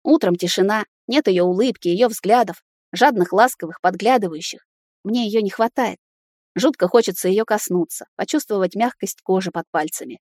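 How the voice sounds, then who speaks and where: A woman narrates a first-person novel in a steady, intimate storytelling voice. Her pitch sits in the middle range. The recording is dry and close, with no room sound. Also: moderate pace, dry recording. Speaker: audiobook reader.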